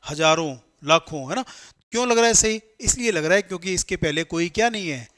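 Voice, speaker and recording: Pitching his slightly high, somewhat bright voice fast, a man who teaches English for competitive exams lectures his class on grammar. Working through each rule step by step, he poses questions and answers them himself, blending Hindi with English terms.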